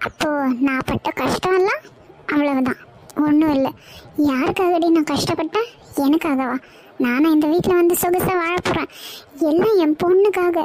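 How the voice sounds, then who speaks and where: A woman's voice: very high-pitched, normal speed, long pauses, a little mellow. An actress playing a middle-aged mother, reproachful and guilt-tripping, in a TV serial scene. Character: bitter, self-pitying middle-aged mother.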